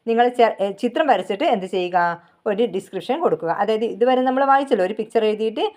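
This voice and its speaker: A woman with a Malayali accent teaches a children's textbook lesson in a slightly high voice. She reads each English line slowly and carefully, then explains it briskly in her own words. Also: a little mellow.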